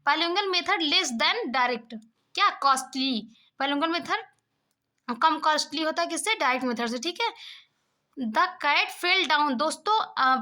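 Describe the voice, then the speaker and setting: A young woman teaching exam-prep English, reading questions out slowly and then explaining them briskly to her viewers. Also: extremely high pitch, pushed and bright.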